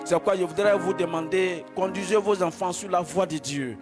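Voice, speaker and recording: A male pastor delivers a fervent, declamatory sermon, his slightly high voice drifting into chanted praise. Loud worship music plays underneath him throughout. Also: normal speed. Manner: exhorting, declamatory, slips into chanting. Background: loud church music.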